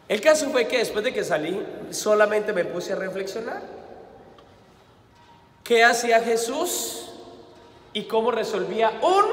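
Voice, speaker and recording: This homily comes from a Colombian priest whose voice sits high. Speaking with energy at mass, he fires questions at the congregation, supplies his own answers, and draws on episodes from his life, all in an echoey church hall with a little background noise.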